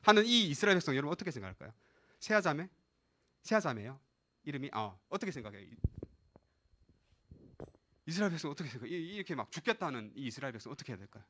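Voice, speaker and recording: Lively, bright-voiced male pastor preaching. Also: fairly high pitch, rapid-fire, long pauses, slight background noise. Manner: animated, addresses listeners directly and acts out scripture quotes. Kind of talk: live sermon to a youth service.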